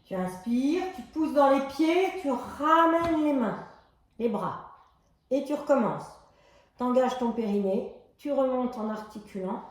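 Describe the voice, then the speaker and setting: A woman fitness instructor guiding a floor exercise class, giving calm step-by-step cues timed to the breath. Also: sits high, unhurried. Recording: very echoey exercise room.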